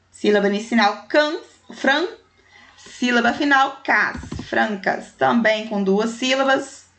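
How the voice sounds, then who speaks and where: A woman teacher, taking young pupils through a primary school language exercise and counting syllables and letters aloud with affectionate diminutives. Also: fairly high pitch.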